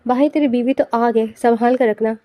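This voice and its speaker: A woman's voice: a little high, fairly even intonation, dark tone, no echo, natural voice. A woman voicing a hearty, joking male friend who hosts a dinner. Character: jovial male friend and host.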